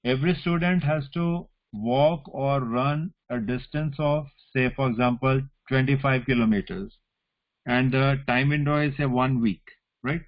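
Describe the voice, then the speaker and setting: A man's voice: medium pitch, measured pace. A man with a North Indian accent giving an informal, explanatory online lecture, often checking in with "right?" and "you know". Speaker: academic lecturer. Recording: slightly dull online call audio.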